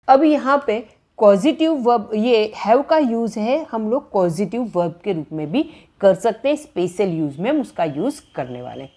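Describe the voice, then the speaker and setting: A woman in giving a grammar lecture, slowly repeating each example word by word. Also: medium pitch, warm tone. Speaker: English grammar teacher. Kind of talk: classroom-style lecture in Hindi.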